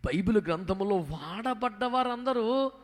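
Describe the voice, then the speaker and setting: ఉత్సాహంగా బోధించే పాస్టర్, హాలులో ప్రతిధ్వని. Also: male voice, high-pitched, animated, unhurried, big-room sound. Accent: Telugu. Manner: fiery, calls out to the congregation for praise. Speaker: pastor. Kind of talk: sermon.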